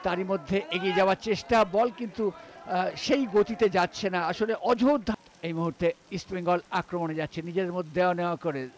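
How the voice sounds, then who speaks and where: A man's voice: high-pitched, brisk. A man commentating live on a football match.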